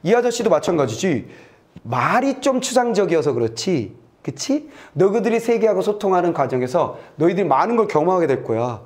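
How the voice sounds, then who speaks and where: A middle-aged man lecturing on a test passage in a lively, playful way. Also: high voice, a little fast. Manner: lively, playful, acts out little scenes and sound effects. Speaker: Korean literature tutor. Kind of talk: lecture with acted examples.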